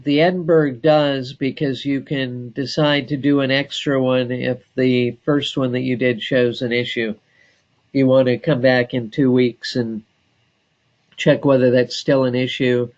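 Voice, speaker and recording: Slow, deliberate man giving a software walkthrough. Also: medium pitch, little pitch movement, muffled recording. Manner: slow and deliberate, many filler pauses. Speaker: software trainer. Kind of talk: screen-share software tutorial.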